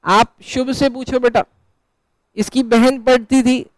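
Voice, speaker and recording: A male teacher lectures a class live in a very high, smooth, resonant voice, speaking slowly with a flat delivery. He asks questions and answers them himself while keeping up teasing, chatty banter with his students. The recording is rough, dry and close, with no echo.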